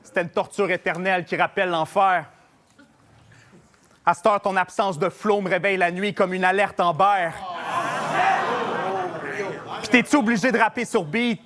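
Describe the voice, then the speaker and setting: A man's voice: high-pitched, fairly even intonation, moderate pace. A man with a Québécois French accent battle rapping a cappella, with a mocking, sarcastic delivery. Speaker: battle rapper. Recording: noisy live battle recording.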